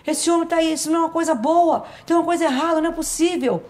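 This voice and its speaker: A woman acting out her frightened sister-in-law, urgent and shrill. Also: very fast, a little mellow. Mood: alarmed.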